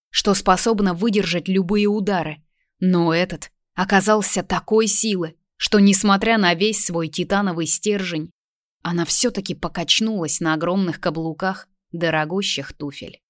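A woman narrating a novel in a calm, even storytelling manner. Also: fairly low pitch, dry recording, clean studio sound. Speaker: audiobook narrator. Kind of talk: scripted narration.

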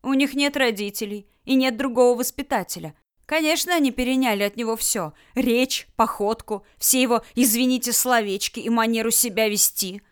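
A woman's voice: a little high, moderate pace, clean tone, lightly acted. A woman reading an audiobook, voicing a hysterical, indignant older woman who shrieks and squeals. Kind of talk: audiobook character voice.

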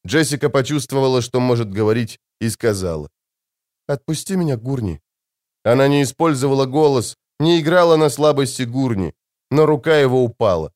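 A man narrating an audiobook in an even, measured reading style. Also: mid-range voice, dry recording, studio quality. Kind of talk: scripted narration.

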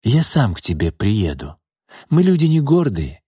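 A man's voice: huge pitch swings, a little slow, mellow, breathy edge, no room sound, clean studio sound, full character voice. A sneering, menacing pimp, read by a man. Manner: sneering, mocking, low menacing threats. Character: menacing smug middle-aged pimp and thug.

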